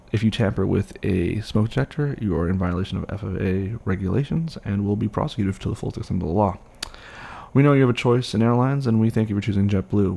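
Guy playing a pilot doing the flight attendant cabin spiel, formal, deep and kinda muted tone, role-play. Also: gravelly, dark tone, husky. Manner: practised flight attendant style public-address announcement. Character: male airline pilot making formal cabin announcements. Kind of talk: scripted airline cabin announcement.

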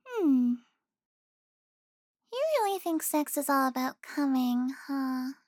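A young woman playing an affectionate, teasing girlfriend in an intimate audio roleplay, speaking softly with sighs and giggles. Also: high voice, lively intonation, slow, no room sound, clean studio sound.

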